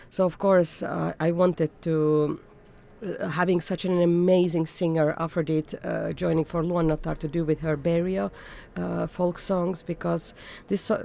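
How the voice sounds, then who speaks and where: A woman conductor from Finland, answering interview questions thoughtfully and pausing often with fillers. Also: lowish voice, creaky, mellow. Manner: thoughtful, searching for words with frequent fillers. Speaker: orchestra conductor.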